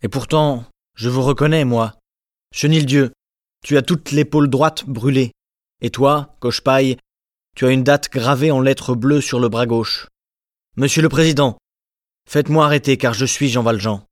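Grave ex-convict mayor, played by a man, stern and calm, mid-pitched voice, dry recording. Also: normal speed, no echo, close to an everyday voice. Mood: grave resolute. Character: former convict turned mayor, grave middle-aged man. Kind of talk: dramatized audiobook reading.

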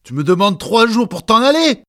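A man voicing a harsh, mocking police inspector who shouts scornfully in a dramatized audiobook. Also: high-pitched, very animated, moderate pace, heavily acted. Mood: scornful shouting.

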